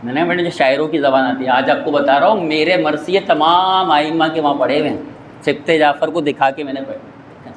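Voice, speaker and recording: A male cleric giving an impassioned religious sermon, arguing rhetorically and rising to shouts, into a microphone in a mosque prayer hall. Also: a little high, a little hiss or hum. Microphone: stand microphone.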